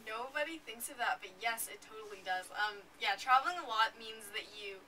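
A woman's voice: a little high, a little fast, pushed and bright. A fourteen-year-old girl answering interview questions in a chatty way, laughing often, with lots of fillers. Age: teens. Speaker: interviewee, young author and speaker. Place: indoor room with curtains, seated in armchair. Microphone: camera at a distance. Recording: distant mic, faint noise.

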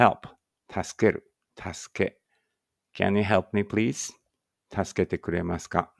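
Slow, gravelly man reading a lesson. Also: sits low, no room sound, studio quality. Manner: reads English phrases slowly, then Japanese translations. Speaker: English teacher. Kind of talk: read-aloud English lesson.

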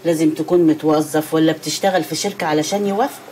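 An actress playing a practical middle-aged aunt who speaks firmly, with an Egyptian accent. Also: female voice, sits low, steady tone, fast, mellow, slight background noise, natural voice. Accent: Egyptian Arabic. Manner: practical, firm. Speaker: aunt advising a young couple. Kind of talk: TV drama acting.

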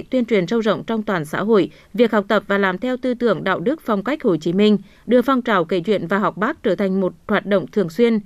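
A woman reads a scripted news report in a formal, measured way as a local television narrator. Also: mid-range voice, no room sound.

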